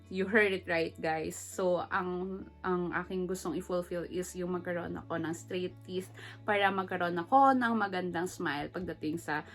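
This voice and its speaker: A woman's voice: on the low side, a bit bright. A middle-aged woman from the Philippines, vlogging in a chatty, emotional way that mixes English into her Tagalog, laughing often. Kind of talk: casual personal vlog.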